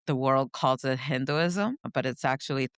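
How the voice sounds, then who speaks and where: Smooth-voiced woman telling her story. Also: rumbling low, moderate pace, dry recording, clean studio sound. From India. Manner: reflective, searching for words, frequent "you know". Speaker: podcast co-host. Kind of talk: personal storytelling in conversation.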